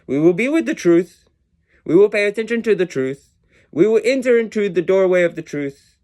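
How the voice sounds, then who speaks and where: A man's voice: high-pitched, lively intonation, normal speed, dark tone. A man giving a rambling, philosophical monologue about numbers, meandering and self-mocking, his accent drifting in and out. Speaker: video creator musing on numbers and words.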